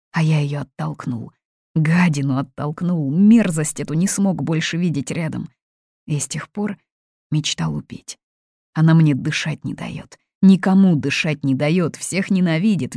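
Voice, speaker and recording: A woman doing a quiet, tormented grown son. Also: deep voice, no echo, clean studio sound. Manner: quiet, ironic.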